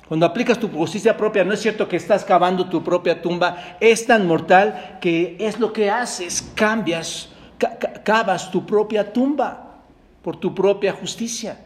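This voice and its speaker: Man, church pastor, sermon, rhetorical questions, repeated words, fairly high pitch. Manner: preaching with rhetorical questions, often addressing "hermanos"; repeats and restarts words, rising to loud emphasis. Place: church service.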